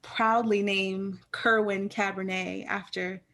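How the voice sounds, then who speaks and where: A young adult woman co-hosting a podcast in casual chat, playful and quick to giggle. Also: medium pitch, level tone, a bit bright. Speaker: podcast co-host.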